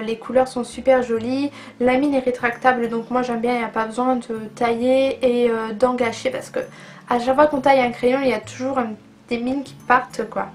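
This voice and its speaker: A woman with a high voice talks through her favourite makeup products in a casual beauty vlog. She sounds chatty and eager and fills her speech with little hesitations. Soft music plays faintly behind her. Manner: chatty and enthusiastic, with frequent fillers. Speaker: beauty vlogger.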